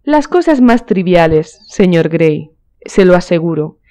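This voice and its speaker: A woman's voice: on the low side, very animated, a little slow, mellow. A woman voicing a playful, flirtatious aristocratic duchess in a storybook reading, with a teasing, coquettish manner.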